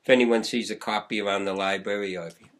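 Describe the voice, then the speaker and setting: An older man talks in a fairly low voice. He rambles through his memories in an easy, conversational way, often chuckling. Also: steady tone, fast talker, a bit bright. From Boston, USA. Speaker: guest poet. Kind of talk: casual interview chat.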